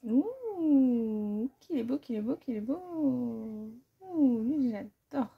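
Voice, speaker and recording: A woman's voice: fairly high pitch, very animated, very slow, vocal fry, breathy edge, narrow, tinny audio. A woman vlogger chatting casually as she swatches watercolors, thinking aloud and poking fun at herself. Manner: chatty and self-deprecating. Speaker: art vlogger. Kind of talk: casual art-supply haul commentary.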